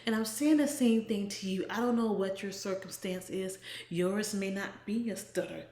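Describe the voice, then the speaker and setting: Recorded in an echoey room, a woman with a medium-pitched voice delivers inspirational words as a devotional blogger. She speaks earnestly and in a measured way, frequently letting phrase endings fade into a soft, breathy trail.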